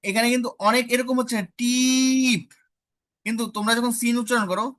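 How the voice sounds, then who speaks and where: A woman teaching an online phonetics class, asking students questions and repeating vowel sounds slowly to model them. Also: fairly high pitch, flat delivery, a bit bright.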